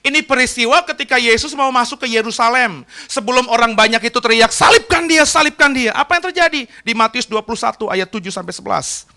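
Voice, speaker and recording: Pastor cowok suaranya tinggi banget, tajam, khotbah semangat naik turun. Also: male voice, very high voice, quick pace, creaky, hardly any pauses. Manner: emphatic, swings from soft asides to loud dramatic crowd cries. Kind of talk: sermon.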